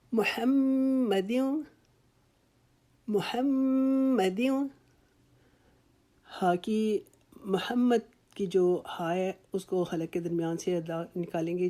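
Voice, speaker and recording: A woman with a lowish, mellow voice gives a calm recitation lesson. She draws out each example word slowly before explaining it. Her tone stays patient and reassuring throughout. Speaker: Quran recitation teacher. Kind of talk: slow instructional tajweed lesson.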